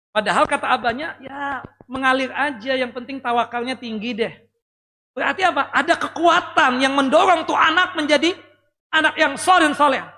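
A man preaching to his congregation in a lively voice, firing questions at the listeners and cracking small jokes. His tone is bright and forceful. The sound carries a long hall reverb. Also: extremely high pitch. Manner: lively, talks directly to the audience, jokes and asks questions. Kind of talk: Islamic sermon.

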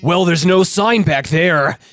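The story narrator voicing a pushy, irritated father who answers with slow, grumbling retorts. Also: mid-range voice, fairly bright tone, no echo, soft background music.

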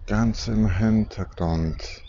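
A man guiding a deep relaxation and sleep journey in a soft, soothing, hypnotic manner with long pauses. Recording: dull muffled recording with background noise.

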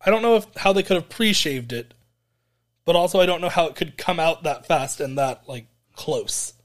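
Podcast co-host, male, slightly higher voice, rambly and laughing, casual recap. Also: expressive, moderate pace. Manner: rambling, hesitant, laughs often. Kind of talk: casual chat recapping a wrestling event.

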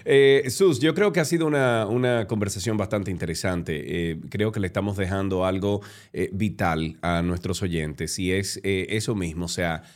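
Easygoing man host, low voice. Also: moderate pace, few pauses. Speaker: podcast co-host. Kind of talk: podcast conversation.

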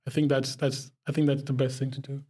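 A man's voice: medium pitch, level tone, fast talker, darkish tone, husky. A young man from Pakistan, a podcast guest talking casually and reflectively, often breaking into laughter. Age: young adult. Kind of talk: casual conversation.

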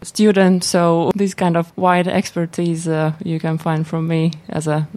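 A woman's voice: lowish voice, flat delivery, a little slow, warm tone. A woman with a Latvian accent answering interview questions, speaking hesitantly and often repeating words as she goes. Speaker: interview guest, business consultant for entrepreneurs.

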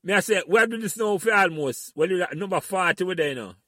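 A man's voice: sits high, expressive, quick pace, bright, forceful tone, no echo. Jokey Jamaican man, dry close sound. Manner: jokey, laughs often. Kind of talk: casual chat in patois.

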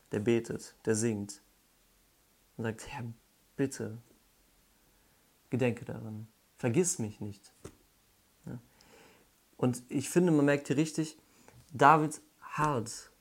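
A man giving a devotional Bible talk, explaining slowly with pauses and correcting himself as he goes. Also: mid-range voice, creaky. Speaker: Bible teacher.

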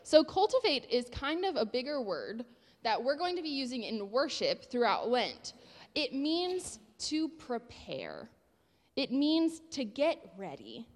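A woman's voice: high voice, very animated, a little slow. Singsong woman teaching children in echoey church. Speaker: church children's moment leader. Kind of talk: children's sermon with call-and-response. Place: large church sanctuary, indoors. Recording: echoey church hall, long reverb.

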